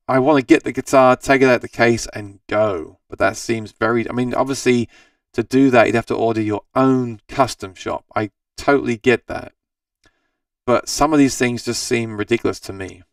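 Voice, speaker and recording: Hosting a laid-back gear Q&A stream, this Australian guy responds to viewer comments in a wandering, talkative style, frequently backing up to restart what he's saying. He sounds weary and scratchy, rough on top but smooth beneath, at a middle pitch. There's no echo at all, though he's positioned a bit far from the mic.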